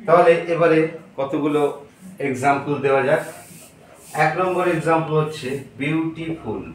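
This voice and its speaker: A man teaching English grammar in a slow lesson, repeating words and spelling them out letter by letter. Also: on the high side, fairly even intonation. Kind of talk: slow classroom-style lesson. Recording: very echoey room, distant mic.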